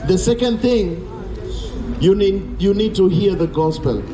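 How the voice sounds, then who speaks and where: A man's voice: high-pitched, measured pace. A middle-aged man with a Kenyan accent preaching outdoors on a city street through a handheld microphone, fervent and pleading, repeating phrases for emphasis. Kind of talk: open-air street preaching. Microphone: handheld microphone through a small speaker. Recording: echoey outdoor sound with music and traffic behind.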